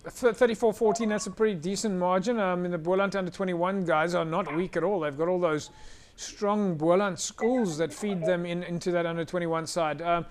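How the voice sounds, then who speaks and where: A man's voice: high voice, steady tone, normal speed. A South African man hosting a live rugby show, presenting casually in a chatty, hesitant way.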